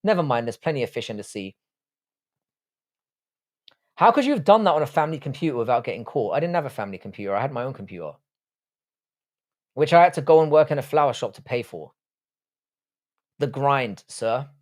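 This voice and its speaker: A mid-range, animated voice goes a little fast and pauses often as this man in his thirties hosts a live stream. Irish-born, raised in southwest London and speaking London English, he replies to viewers bluntly, with swearing and jokes.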